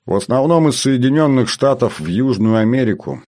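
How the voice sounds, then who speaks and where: A man reading the part of a calm, matter-of-fact man who once flew long military cargo flights, in an audiobook. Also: medium pitch, fairly quick, close to an everyday voice.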